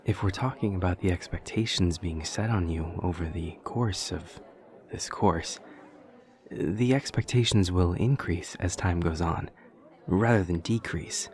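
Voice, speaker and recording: A man with a low voice performs an intimate audio roleplay as a demon college student who is awkward, sincere and takes everything literally. His speech is stiff, over-exact and deadpan with halting pauses, and his mood comes across as analytical and curious.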